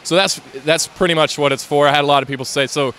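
His voice a little high, fast and fairly bright, with fairly even intonation, a man chats about his LEGO build during a casual interview in a convention hall. He wanders through it with lots of fillers and restarts, over a little hiss or hum.

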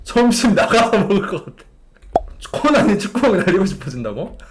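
A man's voice: high voice, big pitch swings, brisk, noisy background. A young man streaming a game, talking in an exasperated way to a game character and his chat. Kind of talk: live gameplay commentary to chat.

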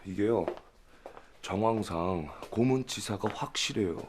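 An actor playing a brash, foul-mouthed, stubborn male prosecutor in a period film, talking bluntly and gruffly. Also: on the low side, unhurried, lightly acted. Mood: insistent. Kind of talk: 1980s period film acting. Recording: film audio with faint noise.

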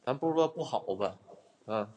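A man's voice: mid-range voice, expressive, normal speed, darkish tone. A man hosting a live stream as a ghost hunter in an abandoned building, chatting bluntly with viewers, swearing and thanking them for gifts. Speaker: livestreaming ghost hunter host.

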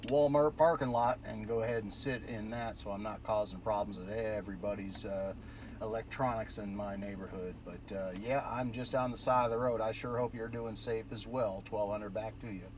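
An American man with a lowish, fairly even voice chats over the radio at a moderate pace, rambling in an easygoing way. He's an amateur radio operator sitting in a car parked at the roadside with the windows down, so the recording is noisy.

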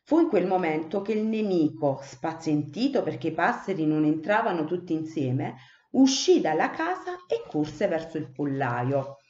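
A woman teacher reading a children's book aloud, with slow, expressive storytelling. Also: low-pitched. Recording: echoey room, dull muffled sound.

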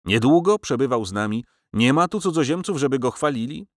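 A man voicing an agitated older Italian woman who speaks high and reproachfully in a storybook reading. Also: lively intonation, brisk, no echo, clean studio sound, close to an everyday voice. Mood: bitter accusing.

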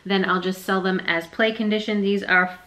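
A woman's voice: mid-range voice, steady tone, moderate pace, a bit bright, low-quality recording. A young woman chatting casually through a resale haul vlog, rambling and self-deprecating. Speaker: reseller vlogger.

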